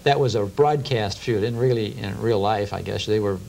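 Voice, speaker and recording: A middle-aged American man, a radio show host appearing as an interview guest, reminisces conversationally at a round table in a TV studio. His voice is lowish, creaky and darkish in tone, at a moderate pace. Recorded on a lapel mic, the old TV tape carries a faint hum and hiss.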